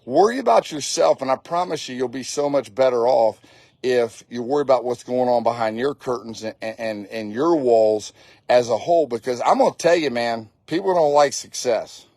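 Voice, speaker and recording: Man, late 40s, fire service instructor giving a blunt pep talk, swears freely, mid pitch, dry close sound. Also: animated, normal speed, a little mellow, no room sound. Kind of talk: casual motivational talk.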